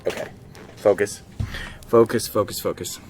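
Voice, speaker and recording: A man streaming a game live, excitably talking to his units and chatting with viewers. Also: on the low side, normal speed, faint music behind. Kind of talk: live let's-play commentary.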